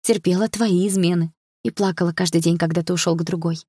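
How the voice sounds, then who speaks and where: A woman's voice: on the low side, steady tone, fast, warm tone, slightly rough, dry recording, clean studio sound. A woman reading a young woman who tearfully confronts her jailed father in an audiobook and later teases her brother. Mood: bitter, tearful. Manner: pleading, bitter, then playful and teasing.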